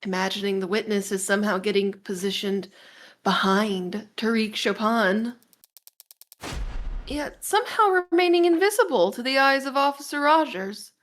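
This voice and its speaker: A woman's voice: medium pitch, animated, normal speed, voice pushed down, lightly acted. A woman reading a smug, sarcastic prosecutor aloud, firing off cutting retorts. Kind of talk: reading a courtroom visual novel aloud.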